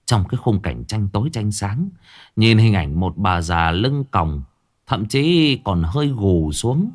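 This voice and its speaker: A man narrating a ghost story with lively, dramatic delivery. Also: fairly low pitch.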